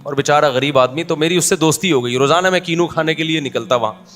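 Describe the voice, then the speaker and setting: A middle-aged man preaches in a loose, storytelling manner, pitched a little high for a man. He jokes and turns to his listeners as if chatting with friends. Soft music sits far behind him. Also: fast talker. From Pakistan. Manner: chatty, humorous storytelling, addresses listeners directly. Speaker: Islamic preacher. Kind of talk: informal religious talk with anecdotes.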